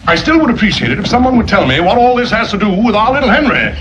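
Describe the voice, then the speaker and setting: A man's voice: sits high, big pitch swings, fast talker. An actor playing a stiff, fussy, pompous father in his forties, in 1940s film style. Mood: bewildered. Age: 40s. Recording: dull old film soundtrack with hiss.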